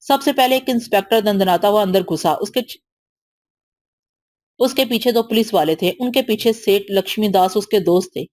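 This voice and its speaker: A woman reading an audio novel aloud as narrator, keeping one steady voice for all the characters. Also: medium pitch, no room sound.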